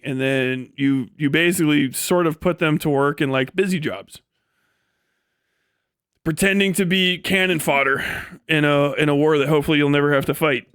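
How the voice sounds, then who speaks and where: Livestreaming in a fairly high, bright voice, a man rambles bluntly and profanely through opinionated, casual explanations, mixing formal words with slang. The sound is clean, echo-free, and studio quality.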